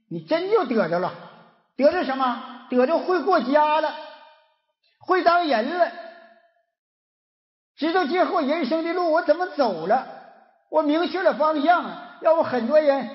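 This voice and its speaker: A man's voice: very high voice, dull audio. A man from Northeast China with a Northeastern Mandarin accent, giving an earnest moral lecture full of rhetorical questions, recorded in a lecture hall.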